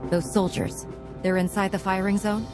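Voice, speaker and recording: A woman playing a resolute, no-nonsense Jedi commander in a video game, speaking firmly and with measured authority. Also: medium pitch, flat delivery, natural voice. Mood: urgent, stern. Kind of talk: video game cutscene acting. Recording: music behind.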